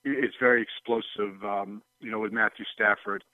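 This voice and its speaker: A man's voice: lowish voice, fairly even intonation, moderate pace, no echo. A man calling in over the phone as a sportswriter guest, chatting loosely with many "you know"s and "um"s. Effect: phone line. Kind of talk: casual call-in chat. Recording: tinny phone line.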